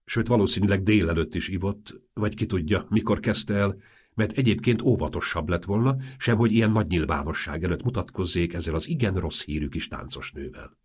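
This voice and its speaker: A man narrating a humorous novel in an expressive, wry audiobook reading. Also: deep voice, slightly rough.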